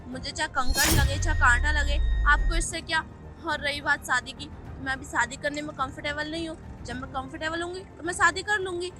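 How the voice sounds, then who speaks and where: A woman's voice: high-pitched, fairly even intonation, a little fast, few pauses, over music, natural voice. A young woman playing a poor, earnest young woman who reproaches her ex-boyfriend in a web skit. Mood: reproachful. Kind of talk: Hindi web skit acting.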